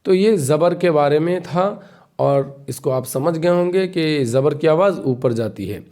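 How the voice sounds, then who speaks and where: A man teaching the alphabet over a screen lesson, his voice sitting a little higher than most men's. He drills the letter sounds slowly and patiently, and often stops to quiz the learner. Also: expressive, warm tone. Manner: patient, repeats and quizzes the learner. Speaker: Urdu teacher.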